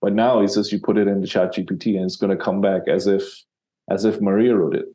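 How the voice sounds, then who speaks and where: Low, mellow-voiced man rambling casually. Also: fairly even intonation, quick pace. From Sri Lanka. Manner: rambling, many fillers and restarts. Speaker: copywriter guest. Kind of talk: casual interview talk.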